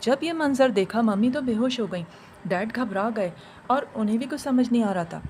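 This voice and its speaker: A woman storyteller narrating a first-person tale in a steady, emotive way. Her voice sits slightly high, with a faint hiss of noise in the recording.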